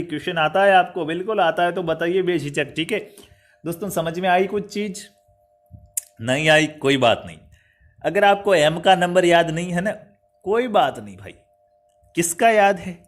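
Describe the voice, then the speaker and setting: A man teaching reasoning for an entrance exam in an online class, chatty and coaxing, asking questions and answering them himself. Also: high voice. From India. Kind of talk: lively classroom tutorial.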